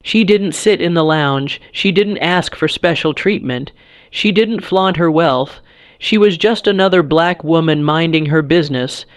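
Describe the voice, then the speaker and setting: Male narrator with a slightly high voice, dramatic scripted story reading. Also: unhurried, smooth, no room sound.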